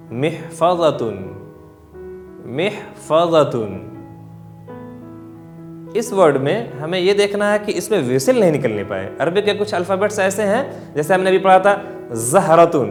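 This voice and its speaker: A man teaching Arabic vocabulary. He says each word slowly and repeats it for learners to follow, and he often slips English phrases into his explanations. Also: a little high. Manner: slow, deliberate repetition of words for learners. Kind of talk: vocabulary lesson with drills.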